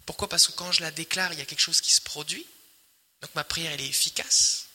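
A man preaching, his voice high and piercingly bright. He drives his points home by repeating phrases, rising loud and then sinking almost to a murmur. The sound rings in a long reverb, as from a large hall. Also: fairly even intonation, fast talker, breathy edge. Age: adult, married. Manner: emphatic, repetitive preaching with swells and quiet drops. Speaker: pastor. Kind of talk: sermon.

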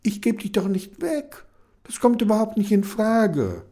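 A man doing a soft-hearted young girl. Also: sits high, very animated, measured pace, voice pushed up, exaggerated voice. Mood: tender.

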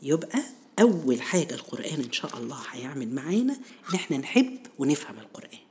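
A woman's voice: deep voice, very animated, fast talker, a little mellow. A woman with an Egyptian accent telling religious stories conversationally, teaching listeners directly and putting questions to them. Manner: didactic, addresses listeners directly with rhetorical questions. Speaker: storyteller and host of a Ramadan series on Quran stories.

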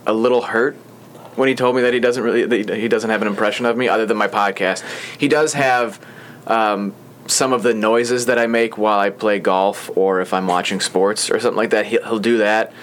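A man's voice: lowish voice, steady tone, moderate pace, slight background noise. Chatty man hosting a podcast. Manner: chatty, rambling with frequent fillers. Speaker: podcast host. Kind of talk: casual chat. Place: small podcast studio.

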